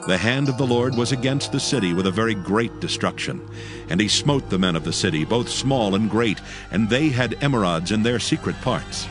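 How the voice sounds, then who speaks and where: A man narrating a dramatized Bible reading in a solemn, formal storytelling manner. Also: lowish voice. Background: background music.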